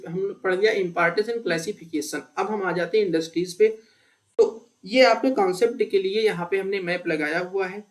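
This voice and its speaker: A man teaching an exam-prep lesson in a conversational way, asking questions and answering them himself. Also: sits high. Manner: conversational, asks and answers his own questions. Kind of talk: explanatory exam-prep lecture.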